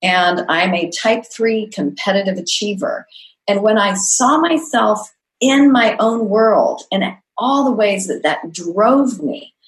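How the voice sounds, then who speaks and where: A middle-aged woman coach speaks in an earnest, reflective way, often listing traits in a measured cadence. Her voice sits at an ordinary middle pitch for a woman. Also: animated, low-quality recording. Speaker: executive coach. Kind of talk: podcast interview answers.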